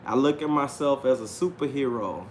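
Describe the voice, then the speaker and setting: A mid-range male voice at ordinary speed comes through slight background noise. The speaker, in his late thirties, is a livestream host and self-published author riffing unscripted, self-assured and slangy, repeating himself with plenty of "man."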